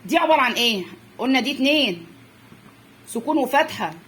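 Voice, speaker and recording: With a high, expressive, slightly bright voice and a quick pace, a young woman teaches a phonics lesson for parents in an Egyptian Arabic accent. She repeats words with stretched-out sounds and drills individual letter sounds for children's reading. There's a little hiss or hum.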